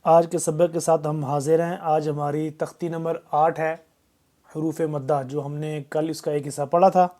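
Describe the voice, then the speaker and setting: A man with a Pakistani Urdu accent, teaching a Quran reading lesson, chanting the drill syllables loudly and explaining quickly and quietly. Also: on the high side, little pitch movement.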